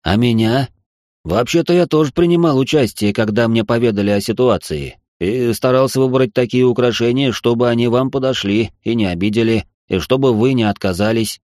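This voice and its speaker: A woman voicing a gentle, flustered nobleman who speaks softly and with embarrassment, in an audiobook. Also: extremely low pitch, brisk, dry recording, clean studio sound, pitched below the performer's own voice. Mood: coaxing. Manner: soft, coaxing, embarrassed.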